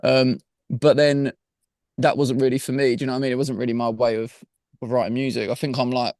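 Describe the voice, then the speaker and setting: A man with a broad Essex Estuary accent talks quickly and casually as an interview guest. His speech is chatty and full of slang and conversational tags. The sound is close and dry, with an average male pitch. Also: level tone, darkish tone, dry recording. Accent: broad Essex, Estuary English. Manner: chatty, slangy, peppers talk with "man" and "you know what I mean". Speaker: rock band singer-guitarist and songwriter, interview guest. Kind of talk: casual chat.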